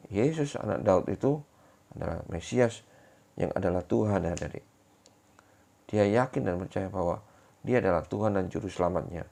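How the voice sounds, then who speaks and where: Man, children's church teacher, gravelly voice, Bible story for kids, chatty and repetitive. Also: on the low side. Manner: keeps addressing the kids, repetitive and animated.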